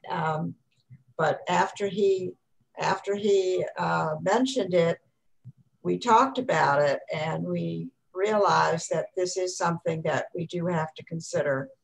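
Older woman with a low, creaky voice. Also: low-quality recording. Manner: plain, measured recounting with small hesitations. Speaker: resident guest. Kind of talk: personal storytelling on a video call. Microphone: webcam on a video call.

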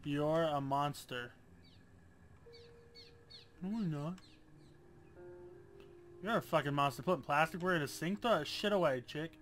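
Young male gamer, higher pitch, sarcastic and profane commentary. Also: moderate pace, long pauses, a bit bright, soft background music. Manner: sarcastic, swears often, jokey. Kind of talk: casual let's-play commentary.

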